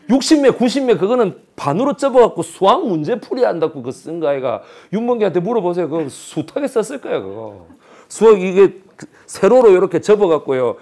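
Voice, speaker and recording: Gyeongsang accent guy telling a story in a history lecture, highish voice that jumps all over, acts out the quotes. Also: a little mellow. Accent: Busan Gyeongsang.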